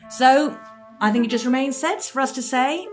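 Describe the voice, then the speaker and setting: A woman's voice: sits high, moderate pace, over music. A woman co-hosting a podcast, chatty and enthusiastic. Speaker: podcast co-host. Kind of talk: casual podcast chat.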